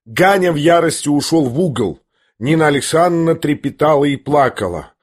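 A man narrating a classic novel in a steady, measured way. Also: fairly high pitch. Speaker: audiobook narrator.

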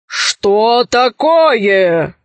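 A protective young hero warrior, voiced by a woman reading a tale aloud. He speaks in a firm, commanding way, on the high side. The sound is dry. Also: very animated, very slow, no room sound, heavily acted.

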